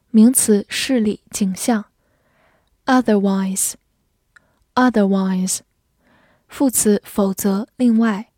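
A woman's voice: mid-range voice, a little mellow, dry recording, clean studio sound. A woman teacher reading a vocabulary review with care. She says each English word twice before giving its meaning.

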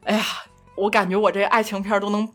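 A young woman guest telling a self-mocking love story in casual chat, animated and laughing often. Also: mid-range voice, fast, soft background music. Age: young adult. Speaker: podcast guest.

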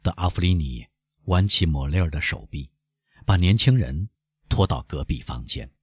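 An audiobook narrator with a deep, husky male voice reads a slow, scripted story in measured, expressive fashion. The recording is dry, with clean studio sound.

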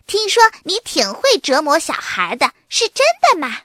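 A woman's voice: high voice, wildly swooping pitch, normal speed, pushed and bright, no room sound, studio quality, voice pushed up, exaggerated voice. A woman voicing a cheeky little girl aardvark who teases her older brother in a sing-song way. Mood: teasing.

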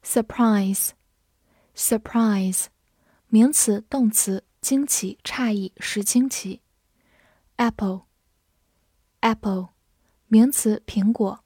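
A woman teaching English words in Chinese, spelling each word out letter by letter and reading example sentences slowly. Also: fairly high pitch, warm tone, husky, no echo, studio quality. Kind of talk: vocabulary lesson.

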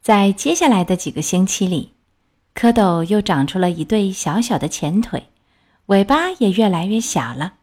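A woman gently reading a children's story aloud in an expressive way. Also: medium pitch, moderate pace.

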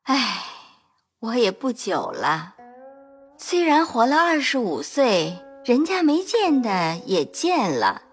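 A proud young noblewoman in her twenties, worn down and bitter, voiced by a woman in an audio drama. Her speech is cutting and melancholy, broken by sighs. The voice sits high and a little husky, and it rises and falls widely. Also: sing-song, a little slow, fairly bright tone, soft background music, heavily acted. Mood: despairing. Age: 20s.

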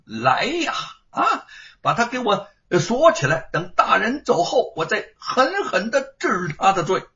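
Loud bullying constable chief, voiced by a man, barking, scornful, dull lo-fi sound. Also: high-pitched, very animated, a little slow, pitched above the performer's own voice, exaggerated voice. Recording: dull lo-fi recording.

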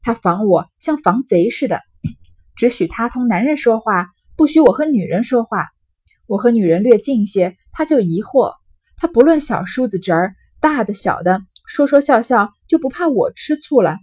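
Female reader as a blustering young nobleman, husky and loud; storybook reading. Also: fairly high pitch, lively intonation, normal speed. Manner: blustering, boastful.

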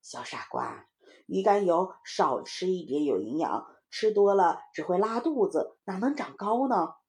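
A woman voicing a patient mother in a storybook who scolds her child gently and calmly. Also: medium pitch, normal speed, lightly acted. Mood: scolding.

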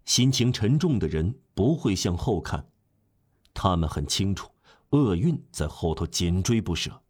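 A man narrating a classic novel as an audiobook in a steady, measured storytelling manner. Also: low voice, husky.

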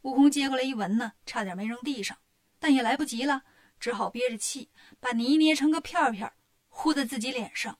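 A woman narrating a children's story in a lively, plain storytelling manner. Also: high-pitched, brisk.

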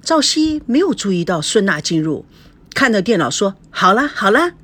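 A woman's voice: mid-range voice, big pitch swings, normal speed, slightly rough. A woman narrating a romance story in a plain storytelling manner.

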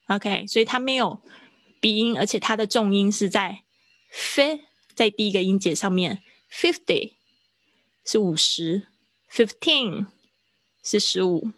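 A woman's voice: mid-range voice, fairly bright tone, no room sound. Woman teaching English pronunciation, dry sound. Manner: slow, drawn-out pronunciation demonstrations. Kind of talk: live online lesson. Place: online class.

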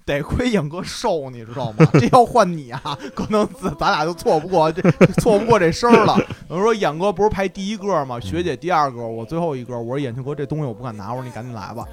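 A young man, a podcast co-host, telling a story in casual chat, excitable and swearing often. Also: on the high side, fast, hardly any pauses.

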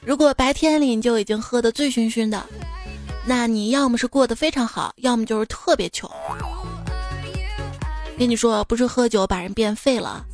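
A woman's voice: on the high side, moderate pace, pauses often, a little mellow. A woman podcast host reading jokes aloud in a playful storytelling way. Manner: playful storyteller, acts out quoted voices. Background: faint background music.

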